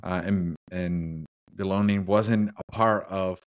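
A man's voice: low voice, steady tone, slow pace. A man hosting an interview, speaking earnestly and agreeably while sharing his own story. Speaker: podcast host. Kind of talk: conversational interview.

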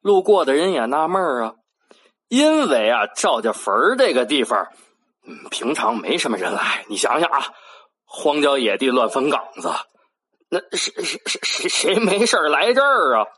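A storyteller with a Beijing accent telling an old folk tale in a lively way, with playful asides and spoken sound effects. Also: medium pitch, moderate pace, husky.

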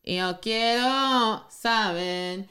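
A woman in casual chat who slips English phrases into her Spanish, talking haltingly with many restarts and laughs. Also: a little high, sharp tone.

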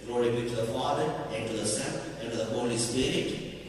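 A man's voice: mid-range voice, fairly even intonation. A man, a priest, leading a congregation in solemn prayer with a cathedral-like echo. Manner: slow, solemn recitation. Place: large echoing room with a gathered group. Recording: cathedral-like echo, distant mic, crowd.

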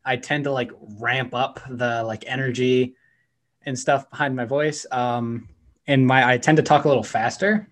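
Energetic young man, filler-heavy chat. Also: medium pitch, moderate pace. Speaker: podcast host. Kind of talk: casual chat.

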